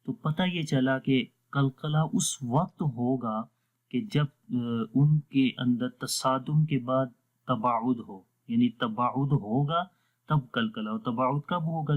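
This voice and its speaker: A man teaching an online lesson on Quran recitation rules. He explains patiently, step by step, and slowly models recited words. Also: medium pitch, phone-quality sound.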